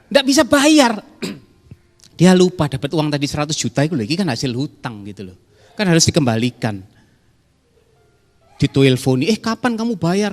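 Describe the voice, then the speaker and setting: A man preaching a sermon to his congregation in a conversational way, acting out quoted callers in a raised voice. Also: a little high. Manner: conversational, addresses the congregation directly. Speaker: pastor. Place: church hall. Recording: reverberant church hall with soft music.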